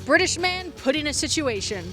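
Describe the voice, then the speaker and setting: High-voiced and fairly bright, this woman swings widely in pitch at a moderate pace. Her scripted video essay reviewing fiction podcasts mixes casual asides with dramatic emphasis on key phrases, set against background music.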